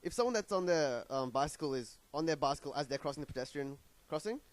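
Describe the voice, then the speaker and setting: A young man co-hosting a casual podcast, joking around with rapid talk full of fillers like "like" and "you know.". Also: fairly high pitch, expressive, no echo. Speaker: podcast co-host. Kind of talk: casual chat.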